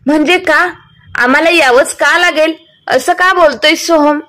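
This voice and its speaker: A woman voicing an elderly mother who speaks calmly and then presses her sons firmly for the truth. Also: sits high, unhurried. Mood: demanding. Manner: soothing, then firmly questioning. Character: calm, pleading elderly mother.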